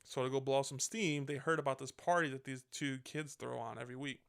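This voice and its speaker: Gravelly-voiced man rambling through a review. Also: mid-range voice, fairly even intonation, fast talker, a bit bright. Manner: rambling, swears freely, self-correcting. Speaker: podcast host. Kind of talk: casual movie review chat.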